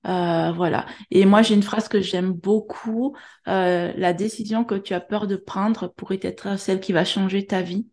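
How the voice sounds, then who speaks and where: A woman's voice: mid-range voice, steady tone, echoey room. Hesitant woman with a southern French accent. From France. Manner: gentle, halting, many fillers. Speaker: guest workshop leader. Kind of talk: hesitant conversational interview. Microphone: video call.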